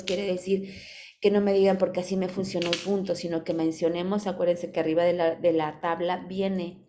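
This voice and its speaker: A woman's voice: on the low side, dark tone, a little hiss or hum. Patient Mexican woman teaching an online class. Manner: patient, explanatory, affectionate with students; reads instructions aloud from a screen. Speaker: virtual class advisor.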